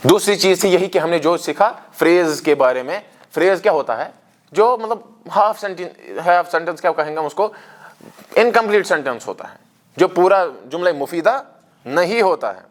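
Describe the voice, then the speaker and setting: Male language teacher, slightly high voice, explains patiently and drills the class in a classroom. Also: expressive, moderate pace. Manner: explains terms step by step, asks the class questions and drills them in recitation. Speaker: Arabic teacher. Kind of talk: classroom grammar lesson.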